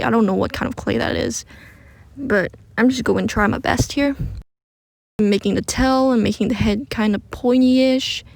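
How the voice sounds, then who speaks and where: A woman's voice: a little high, gravelly, no echo. A woman recording under a blanket, giving a casual, self-deprecating voice-over for a craft tutorial. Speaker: craft video creator narrating a DIY attempt. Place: recording under a blanket, close and muffled from room sound.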